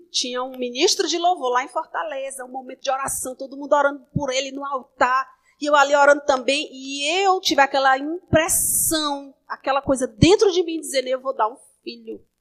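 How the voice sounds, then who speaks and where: Woman pastor, high voice, conversational sermon with soft asides and strong emphatic calls. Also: fairly even intonation, fairly quick, rough recording.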